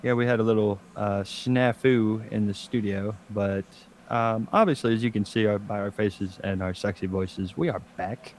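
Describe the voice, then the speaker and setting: Low-ish voiced dude cohosting a podcast, swears a lot, deadpan jokes, faint hiss. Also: male voice, moderate pace. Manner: jokey, crude, deadpan asides. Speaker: podcast co-host. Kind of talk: casual podcast banter. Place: home studio.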